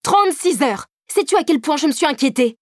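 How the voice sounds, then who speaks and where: A woman's voice: high voice, lively intonation, fairly quick, dry recording, pitched above the performer's own voice. A woman narrator gives voice to a betrayed young man in a storybook, beside himself with rage. He hurls questions and accusations at full volume, his voice climbing sharply. The sound is dry and close. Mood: furious shouting. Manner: shouting, accusing. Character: furious jealous young man, lover betrayed.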